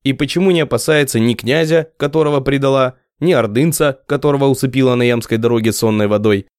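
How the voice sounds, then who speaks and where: A man narrating an audiobook in a lively storytelling manner. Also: mid-range voice, fast, smooth, no room sound, clean studio sound. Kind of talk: scripted narration.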